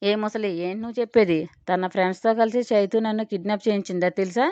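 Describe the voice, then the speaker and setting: A woman voicing a deceitful young woman who shouts her denials and pleads her innocence. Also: fairly even intonation, fast, smooth, no room sound, close to an everyday voice. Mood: pleading. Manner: shrill, shouting. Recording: dry, dull lo-fi recording.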